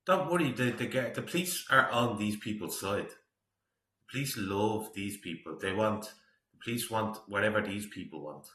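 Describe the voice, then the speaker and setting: A middle-aged man with a low, forceful voice gives casual commentary as a reaction host, sounding disapproving and opinionated. His intonation is lively and his pace moderate, and the recording is roomy and echoey.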